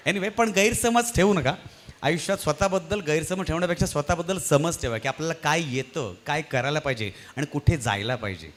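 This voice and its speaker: A man doing stand-up comedy on stage at a live event, telling an animated story and acting out its voices. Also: fairly high pitch, fairly quick. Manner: animated, acts out the voices in his stories.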